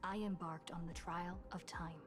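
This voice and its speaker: A woman voicing a calm young woman who narrates a story recap in a video game, in a measured, steady way. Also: on the low side, lightly acted. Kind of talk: scripted narration. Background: game music.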